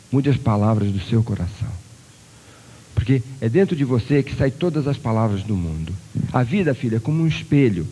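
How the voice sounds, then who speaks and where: Give me a man doing a calm, fatherly teacher in a parable, slightly husky. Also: mid-range voice, in a large hall, poor audio. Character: wise, gentle father teaching his young son.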